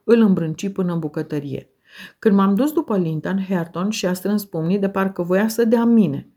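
A woman narrates an audiobook in first person with a mellow, warm tone. Her voice sits a little low and her delivery is measured and expressive.

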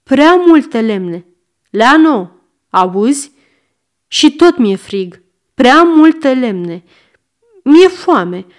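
A woman's voice: sits high, big pitch swings, long pauses. A woman voicing a sick old male miser, querulous and snapping commands. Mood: complaining.

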